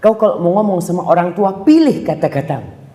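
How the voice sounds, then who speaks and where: A man preaching a sermon, telling stories with lively acted-out voices. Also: high-pitched, fairly quick. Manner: animated storytelling, acting out mother and child. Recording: echoey hall with long reverb.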